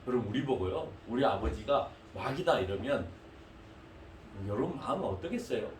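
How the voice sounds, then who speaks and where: Animated pastor in an echoey church. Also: male voice, medium pitch, normal speed, slight background noise. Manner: animated, addresses the congregation directly with questions. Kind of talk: sermon. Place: church hall. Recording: echoey hall, mic at a distance.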